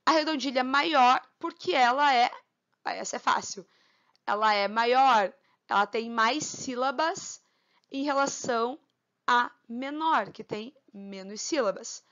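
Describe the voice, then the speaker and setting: A woman teaching a literature lesson. She counts syllables aloud slowly and keeps asking for agreement with tag questions. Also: on the high side, fairly bright tone, dull audio.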